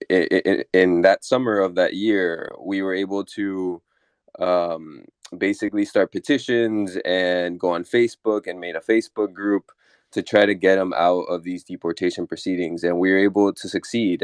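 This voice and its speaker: A man in his thirties from Chile speaks low and smooth, measured and with many little fillers. The sound is dry and close, with no room around it. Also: no room sound. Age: 30s. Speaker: deputy chief of staff. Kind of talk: panel discussion introduction. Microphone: audio-only online talk.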